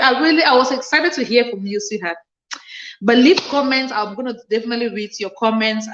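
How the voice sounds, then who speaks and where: A woman's voice: mid-range voice, fairly bright tone. Earnest woman livestreaming in a roomy, muffled room. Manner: reads viewer comments aloud and answers them; earnest, repeats phrases for emphasis. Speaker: livestream host. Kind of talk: casual livestream chat.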